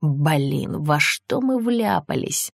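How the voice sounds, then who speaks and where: A woman's voice: low-pitched, lively intonation, takes it slowly, creaky, breathy edge, no echo, exaggerated voice. A woman reading an audiobook voices an anxious, exasperated male police superior.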